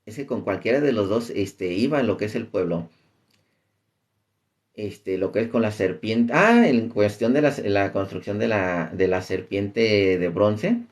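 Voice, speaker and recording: A man's voice: lowish voice, lively intonation, measured pace. A man giving informal Bible teaching. He reads scripture aloud and looks up verses as he talks. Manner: reads scripture aloud, searches for verses mid-talk, uses "este" as filler.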